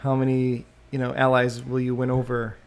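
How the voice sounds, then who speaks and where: Guy with a gravelly voice rambling on his own podcast, keeps trailing off and starting over, desktop mic. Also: medium pitch, completely flat delivery, moderate pace. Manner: musing, trailing off and restarting often. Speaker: podcast host. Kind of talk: rambling solo podcast monologue. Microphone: USB desktop microphone.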